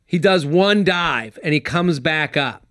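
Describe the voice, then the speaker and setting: A man, a comedian guest on a podcast, telling a story in casual chat, animated and swearing freely. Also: fairly high pitch, measured pace, dry recording, clean studio sound.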